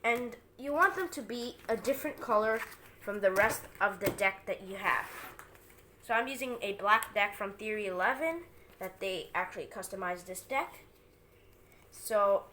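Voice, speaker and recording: With a bit of hiss or hum in the recording, a woman's mid-range, somewhat bright voice delivers casual card magic patter. This amateur magician explains each step while she demonstrates and teaches her trick.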